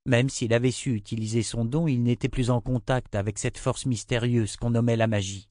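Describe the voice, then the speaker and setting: A man narrating an audiobook in a steady, measured reading. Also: mid-range voice, no room sound, clean studio sound. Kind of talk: scripted narration.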